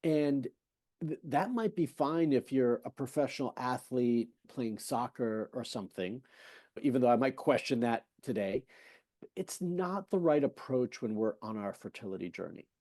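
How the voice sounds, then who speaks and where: In a podcast interview, a man talks as a fertility specialist with a mid-range, expressive, mellow voice at normal speed, recorded dry. He is emphatic and persuasive, asking rhetorical questions and retelling conversations with patients in a conversational way.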